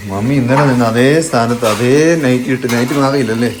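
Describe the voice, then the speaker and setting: A woman's voice: very deep voice, fairly even intonation, fast talker, background noise. A woman chatting casually in a home vlog, teasing and coaxing small children outdoors and then inside the house. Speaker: family vlogger.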